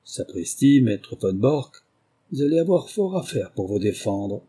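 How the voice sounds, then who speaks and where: A man reading aloud, voicing a sly, confident male English detective in a lively, ironic manner. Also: a little slow, slightly rough, full character voice. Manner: higher, lively, ironic delivery.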